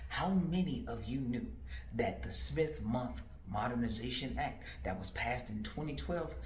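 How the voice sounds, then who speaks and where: A man's voice: mid-range voice, expressive, unhurried, slight background noise. A man in his forties, a political candidate, talking straight to the viewer in an emphatic, repetitive way full of rhetorical questions. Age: 40s. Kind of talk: direct-to-camera political commentary. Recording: roomy echo.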